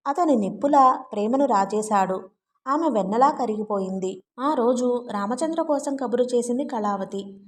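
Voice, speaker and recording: A woman narrating a family novel as an audiobook in a steady, even storytelling manner. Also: fairly high pitch, moderate pace. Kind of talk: scripted narration.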